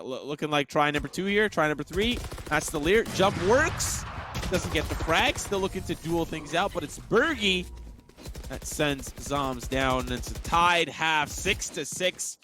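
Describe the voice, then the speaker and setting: A man's voice: on the high side, expressive, moderate pace, noisy background. A man giving live esports caster commentary, analyzing the game in a conversational way.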